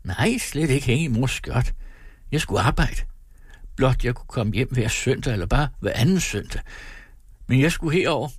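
A man voicing a homesick teenage apprentice boy who complains and pleads in a wounded way, read in a husky voice. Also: mid-range voice, lively intonation, no echo, clean studio sound, voice pushed up. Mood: plaintive.

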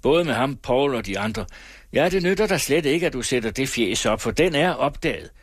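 A man voicing a blunt, scornful young farmhand who speaks gruffly. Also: mid-range voice, lively intonation, no room sound, clean studio sound, voice pushed up, lightly acted. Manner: gruff and curt.

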